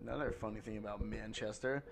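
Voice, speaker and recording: A man's voice: on the low side, steady tone, quick pace, creaky, a loud crowd. A man in casual chat, making short laughing interjections.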